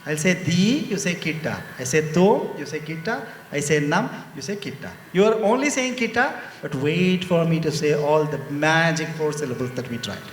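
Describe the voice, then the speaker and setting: A man leads a live lecture-demonstration, his voice sitting a little high and swinging widely as he playfully coaxes the audience to join in. The sound is roomy, with a long hall reverb and a faint hiss behind him. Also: animated, brisk, few pauses. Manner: playful, coaxing the audience to chant along. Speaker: musician leading a lecture-demonstration. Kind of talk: interactive teaching to a live audience. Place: large indoor hall.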